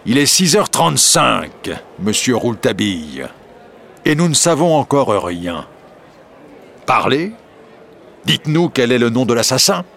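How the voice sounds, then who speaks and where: A man's voice: medium pitch, very animated, measured pace, creaky, pauses often, slight background noise, voice pushed up, exaggerated voice. Irritable stern judge voiced by a man. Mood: impatient. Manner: curt, irritated, sharp. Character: irritable stern male court president.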